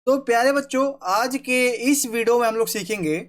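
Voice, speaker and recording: A man teaching a poetry lesson to school students, repeating points often and checking in with "ठीक है", reciting verse slowly. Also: very high-pitched.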